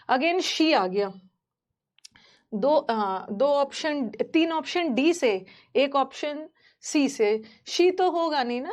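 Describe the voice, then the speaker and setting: A woman teaching English grammar to students in a lively, repetitive way, switching between Hindi and English. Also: sits high. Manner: lively, mixes Hindi and English, repeats points.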